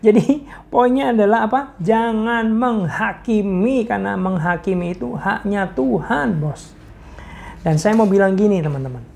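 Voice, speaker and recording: A woman's voice: medium pitch, measured pace, vocal fry, a little mellow. Playful woman giving a casual sermon. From Indonesia. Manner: playful, laughs often, mixes in English slang. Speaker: preacher. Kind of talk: casual devotional talk.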